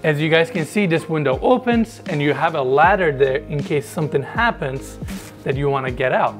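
A man's voice: on the high side, expressive, normal speed, music in the background. Chatty man touring a house. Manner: enthusiastic, chatty, addresses viewers directly. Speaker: home tour host. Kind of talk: casual walkthrough narration. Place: large indoor house basement. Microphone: lapel mic.

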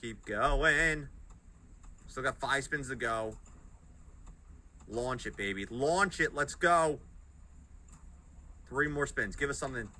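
A man's voice: mid-range voice, slow pace, long pauses, sharp tone. A young man giving live slot-play commentary, urging the reels on in short bursts. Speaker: slot streamer. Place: indoor streaming setup.

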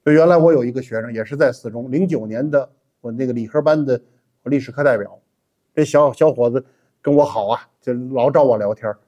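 A middle-aged man giving an animated, emphatic history lecture as a teacher, with frequent 'ah' fillers. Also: mid-range voice, fairly quick. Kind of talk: classroom-style history lecture.

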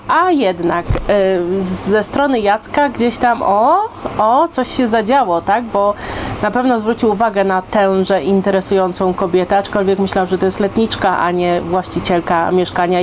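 Casting: woman, thirties, informal book vlogger, conversational and full of check-in questions, medium pitch, noticeable background noise. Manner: conversational, addresses listeners with frequent rhetorical check-in questions. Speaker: book reviewer. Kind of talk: casual chatty book review to camera. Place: indoors, living room on a sofa.

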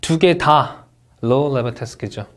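A man teaching an exam-prep lecture, explaining pronunciation rules in a brisk teacherly way and saying English example words aloud with a Korean accent. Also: medium pitch, a bit bright. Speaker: test-prep instructor.

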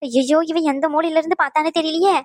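A woman's voice: high voice, steady tone, fast talker, a little mellow, no room sound, close to an everyday voice. A woman voicing a scheming elderly grandmother in a cartoon, wheedling and playing the victim, recorded dry. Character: scheming elderly grandmother, crafty and self-pitying. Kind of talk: cartoon voice acting.

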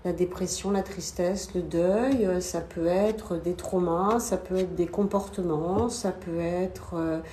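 A woman in her fifties explaining things casually on a live stream as a hypnotherapist, in a hesitant, halting way. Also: lowish voice, steady tone, dark tone. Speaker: hypnotherapist guest. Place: small indoor room. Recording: echoey room, noisy background.

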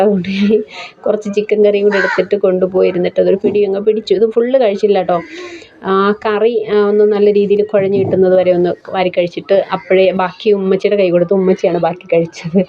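A young woman telling about her day at home in a cooking vlog. She chats in a homely way, and her voice is hoarse from a blocked throat. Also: mid-range voice, lo-fi sound. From Kerala, India. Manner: chatty, homely storytelling with frequent tag questions. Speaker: cooking vlogger. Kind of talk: casual vlog voice-over. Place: home kitchen. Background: rain.

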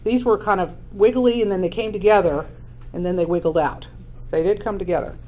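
A woman's voice: mid-range voice, fairly quick, a little mellow. A woman math teacher giving a classroom lecture, explaining step by step and often checking in with the class.

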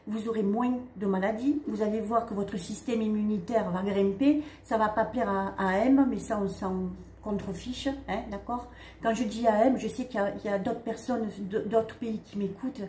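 A woman giving a casual spiritual card reading, talking straight to her viewers in a halting way with frequent "hein" and "d'accord" tags. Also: medium pitch, warm tone. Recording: echoey room with faint ambient noise.

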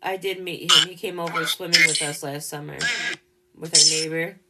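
A woman hosting a paranormal live stream in casual chat, gentle and openly emotional as she speaks to spirits directly. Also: deep voice, steady tone, moderate pace, background noise.

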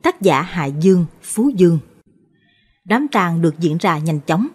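A woman storyteller reading a ghost story in scripted narration with a steady, measured delivery. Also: lowish voice, slightly rough.

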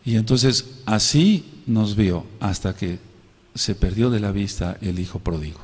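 A man preaching a sermon as pastor, shifting between loud outbursts and quiet storytelling. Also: lowish voice, a little slow, breathy edge, long reverb tail. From Mexico.

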